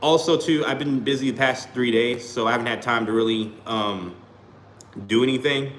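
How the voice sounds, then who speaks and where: Speaking at a normal speed in a mid-range, fairly bright voice, a man riffs casually with his livestream chat. He keeps tossing in "you know what I'm saying" and "you feel me," the way small YouTubers often do. A faint hum and a roomy echo sit behind him.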